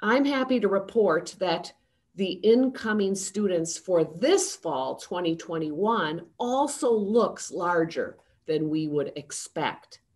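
An older woman in her sixties gives a formal, prepared address from her home study over a video call. Her delivery is slow and unhurried, set in a slightly low register, and she keeps a steady, measured tone throughout. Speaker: seminary president. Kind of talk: prepared address to a town hall.

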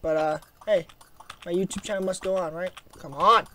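A gaming YouTuber with a raspy, under-the-weather voice keeps up a casual running commentary at a middling pitch. They mutter and grumble to themself between chatty asides. Faint keyboard typing sits in the background. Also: moderate pace, sharp tone, slight background noise. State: sick with a sore throat, coughing.

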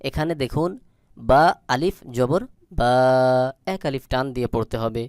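A man with a Bangladeshi Bengali accent teaching Quran recitation, spelling out syllables slowly and deliberately and repeating them. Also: medium pitch, animated, a little mellow, no room sound, studio quality.

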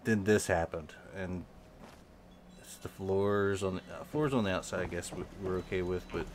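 A man giving casual commentary over a video game, halting and repeating his words with frequent ums. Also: sits low, a little hiss or hum. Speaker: gaming channel host.

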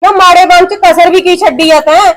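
A scolding village mother, with a very high, sharp-edged voice and a Punjabi accent. She lectures her son firmly, as in a short film drama. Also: steady tone, moderate pace, noisy background. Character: scolding village mother, proud of family honor.

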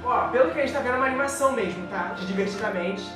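A man with a Brazilian Portuguese accent hosting a casual reaction video, talking excitedly to his viewers with lots of exclamations. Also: very high-pitched, very fast, far from the mic. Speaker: YouTube reaction host. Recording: echoey room, off-mic, loud background music.

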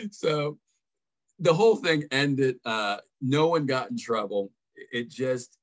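A man's voice: medium pitch, animated, slow pace. A man, an army veteran, casually telling a story from his service in a conversational way with chuckles between lines.

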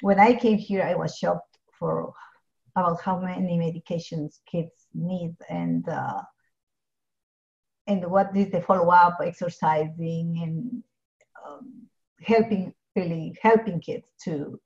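A woman's voice: lowish voice, steady tone, takes it slowly, gravelly, a little mellow. Earnest woman on dull call. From Ecuador. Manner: earnest, many restarts and fillers. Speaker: pharmacist guest. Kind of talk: video call interview. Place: home office with bookshelves. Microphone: video call. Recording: dull lo-fi video call audio.

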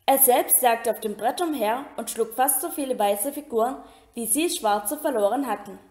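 A woman reading a children's novel aloud in a steady storytelling manner, with occasional slips and restarts. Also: fairly high pitch, moderate pace. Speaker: reader. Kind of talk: amateur audiobook reading. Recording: roomy echo.

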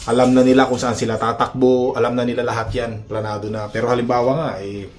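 A man talking casually to his viewers in a vlog on his phone, animated and chuckling, with lots of tag questions. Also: mid-range voice, fast talker, soft background music. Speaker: vlogger.

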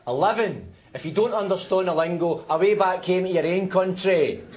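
A man's voice: mid-range voice, lively intonation, normal speed, lightly acted. An actor playing a grumpy, foul-mouthed Scottish man in a lift, with a Scottish accent and a sarcastic, grumbling manner, in a television sketch.

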